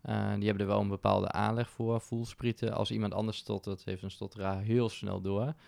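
A man's voice: lowish voice, level tone, brisk, vocal fry, darkish tone, dry recording, studio quality. A man talking as a podcast guest in casual conversation, reflective, with frequent fillers and restarts. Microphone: podcast microphone.

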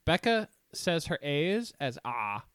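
Young male co-host from Northeast Ohio, local accent, deadpan and laid-back, dry close-miked sound. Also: medium pitch, a little fast, no room sound. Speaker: podcast co-host. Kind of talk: casual chat.

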